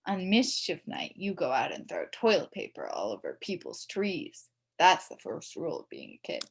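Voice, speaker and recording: A woman reads a children's story aloud in a theatrical, emphatic scripted style, telling it as a mischievous child. Her low-pitched voice swings hugely in pitch, with vocal fry and slight roughness, at a moderate pace.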